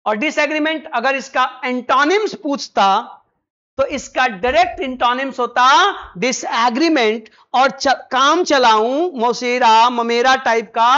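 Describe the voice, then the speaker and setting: A male teacher explaining vocabulary for an exam, mixing Hindi with slow English phrases and firing quick questions at his students. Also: very high voice, sharp tone, muffled recording. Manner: quizzes listeners with quick rhetorical questions.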